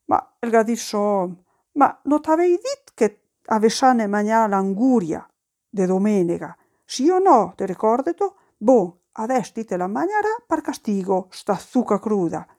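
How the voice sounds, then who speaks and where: A woman's voice: medium pitch, sing-song, unhurried, warm tone. A woman voicing an exasperated middle-aged housewife who scolds sharply. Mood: indignant.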